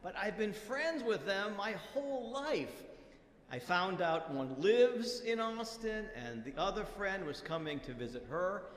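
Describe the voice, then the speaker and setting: A man telling a story at a religious service in a large sanctuary, chatty and animated, with playful asides. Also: high-pitched, measured pace. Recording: echoey hall from some distance.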